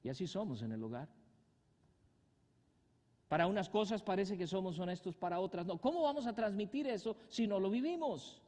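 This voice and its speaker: Man preaching in a church, fairly high voice, really lively swings, long echo in the hall. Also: normal speed, pauses often. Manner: animated preaching with sudden loud rises and soft drops; rhetorical questions to the congregation. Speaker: pastor. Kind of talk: sermon.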